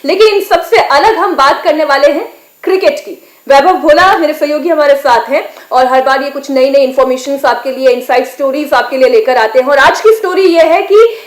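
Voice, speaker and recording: A woman anchoring a news discussion, asking brisk, prompting questions of her colleague. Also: sits high, reverberant.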